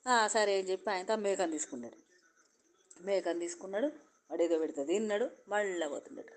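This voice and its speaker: A woman's voice: mid-range voice, darkish tone. A woman with a Telangana accent telling a folk tale in a conversational, repetitive way. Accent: Telangana Telugu. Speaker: storyteller.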